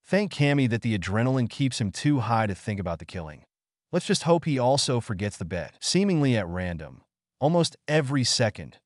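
Male narrator, low voice, lively intonation, dry close recording; steady storytelling read. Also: dry recording. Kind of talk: scripted fan fiction narration.

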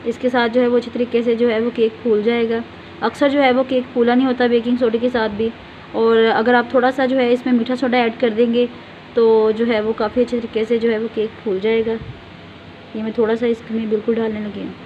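A woman hosts a home cooking channel, patiently walking viewers through each step and telling them where to look, often repeating fillers. Her voice is a little high, flat, and brisk, and the audio is dull with a little hiss or hum.

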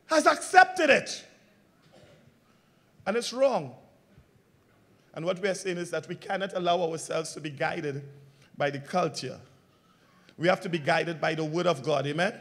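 A man preaches as pastor in a creaky voice, at a measured pace broken by long pauses. He poses call-and-response questions to the congregation and shifts between emphatic, loud statements and soft, low ones.

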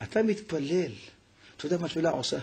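A rabbi delivers a sermon through stories, his delivery swinging from hushed to exclaiming. His voice is slightly husky and sits a touch high, with a very animated, rising and falling melody. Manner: emotive storytelling, swinging between hushed and exclaiming.

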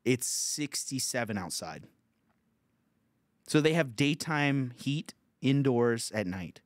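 A young man hosting a podcast, telling a road story from stand-up comedy in a casual, profane, animated way. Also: medium pitch, takes it slowly, no room sound, clean studio sound. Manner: profane, animated storytelling with laughs and acted quotes.

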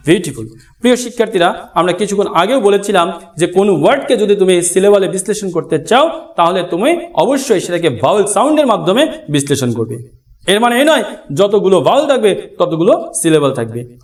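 A male teacher with a Bangladeshi Bengali accent, giving a classroom grammar lesson, addressing his students directly and slowly spelling out example words. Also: high-pitched. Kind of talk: classroom lesson explaining at a board.

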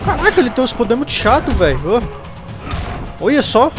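Talking a little fast in an extremely high voice, a gameplay commentator with a Brazilian Portuguese accent reacts as he plays. He yelps, groans and jokes at the game over loud background game music.

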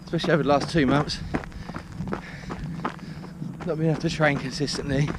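A British man in his thirties chats casually to camera while jogging and walking, slightly breathy from the exertion. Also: a little high, steady tone, brisk. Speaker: running vlogger. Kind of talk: casual vlog talk to camera. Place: outdoors on country lanes and field paths. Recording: outdoor action camera with noticeable noise.

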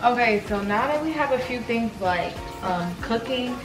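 A woman in her twenties, talking casually and relaxed in a home kitchen while she cooks for her vlog. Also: a little high, normal speed. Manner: chatty, relaxed, filler-heavy explaining while cooking. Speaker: vlogger. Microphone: camera mic from a few feet away. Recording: roomy kitchen echo, distant mic, loud music underneath. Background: loud Afrobeat music.

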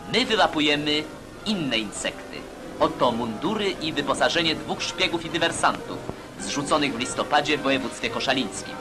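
A man delivers old newsreel narration with firm, declamatory emphus, pitched at an ordinary middle range for a man. His emphatic lines carry the tone of propaganda, and a loud music score plays clearly behind him.

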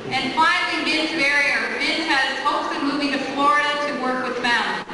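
A woman's voice: high-pitched, steady tone, normal speed. A woman announcing graduates at a school ceremony over a PA, reading names and plans with light joking asides, captured on old camcorder home-video audio. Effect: old camcorder home-video recording. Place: large school hall at a ceremony. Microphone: PA microphone, picked up by a distant camcorder. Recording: echoey far-off PA in a hall, heavy hiss and crowd.

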